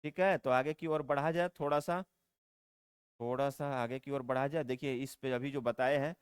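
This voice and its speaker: A man teaching spoken English grammar in a lecture style, repeating each point, asking the class rhetorical questions, and saying the English example sentences slowly. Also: medium pitch, fairly even intonation, clean tone, no echo. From India.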